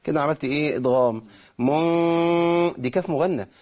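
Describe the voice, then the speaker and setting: A man with an Egyptian accent teaching Quran recitation rules, explaining quickly and slowing down to model drawn-out words. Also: fairly high pitch, a little mellow. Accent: Egyptian Arabic. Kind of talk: tajweed lesson, explaining and demonstrating.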